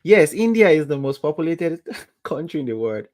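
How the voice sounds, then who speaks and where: On a live coding stream with chat, a young Nigerian instructor with a Nigerian accent keeps asking viewers rhetorical "what?" questions. His voice is on the high side with a darkish tone, very animated, at normal speed. The recording is dry.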